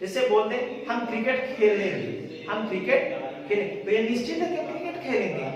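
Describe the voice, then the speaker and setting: A man with a very high voice teaches a grammar class. He asks questions, answers them himself and repeats each example slowly. He is recorded from a distance in a very echoey room with a long reverb tail. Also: expressive, muffled recording, a crowd in the background.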